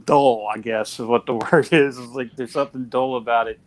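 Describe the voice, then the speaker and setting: A man's voice: mid-range voice, fairly even intonation, fairly quick. Chatty man talking movies. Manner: chatty, many fillers and restarts. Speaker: podcast host. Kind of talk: casual film discussion.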